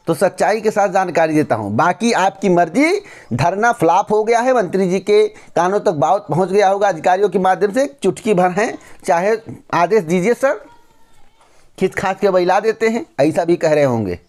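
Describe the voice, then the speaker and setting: A man's voice: high-pitched, a little mellow. A man hosting a news channel, giving blunt, lecturing commentary straight to camera and repeating phrases for emphasis.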